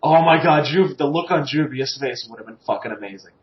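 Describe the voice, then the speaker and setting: A man's voice: medium pitch, a little fast. Sarcastic swearing man, muffled echoey audio. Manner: crude, sarcastic and animated, swearing freely. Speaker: podcast host. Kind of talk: casual fan podcast chat.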